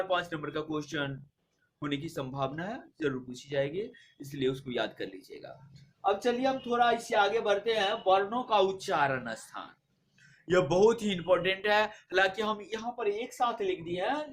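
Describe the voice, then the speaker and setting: A man's voice: sits high, fairly bright tone. A man teaching a grammar lesson, patiently spelling out letters one by one and stressing what to memorise for exams. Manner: patient, repeats letters slowly and drills points for exams. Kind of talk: Hindi grammar lesson for exam students.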